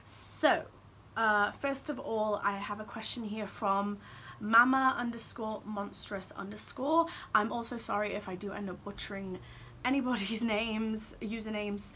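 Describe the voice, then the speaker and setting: A young woman with a croaky, raspy voice as she recovers from the flu, chatting apologetically in a casual Q&A vlog recorded on her phone. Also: medium pitch, fairly even intonation, measured pace, pushed and bright, a little hiss or hum. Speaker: YouTuber.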